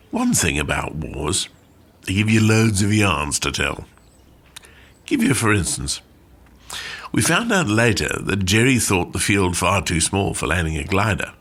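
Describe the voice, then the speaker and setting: In a heavily acted radio play monologue, a male actor plays an old, plainspoken war veteran and glider pilot who reminisces conversationally with dry understatement. His older voice is low-pitched with a fairly bright tone, and the mood is dry storytelling.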